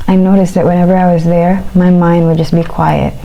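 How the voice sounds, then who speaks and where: A woman chewing while talking, in a casual, reflective eat-with-me chat, speaking haltingly in short phrases. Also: lowish voice, level tone, vocal fry, lo-fi sound, slight background noise. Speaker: vlogger.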